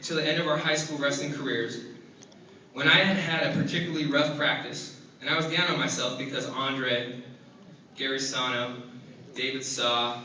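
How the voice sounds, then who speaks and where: A former teammate gives a humorous hall of fame speech, telling funny anecdotes and chuckling often. His medium-pitched voice is pushed and bright with fairly even intonation at normal speed. Recorded in a large, echoey induction hall, he sounds far off, with a little hiss or hum.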